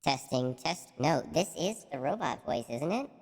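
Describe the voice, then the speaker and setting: A man's voice: fairly high pitch, very animated, normal speed, darkish tone, big-room sound. A streamer, a man, testing his mic while his voice comes out through a metallic robot filter, puzzled and repeating test words. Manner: repetitive, puzzled checking of sound.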